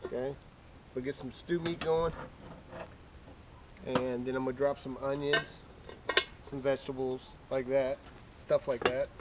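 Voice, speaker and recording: Casting: male cooking show host, medium pitch, plainspoken and casual demo style, recorded with noticeable noise behind him. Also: level tone, unhurried, long pauses. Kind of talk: casual cooking demonstration, talking through each step. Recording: clearly noisy background with clicks.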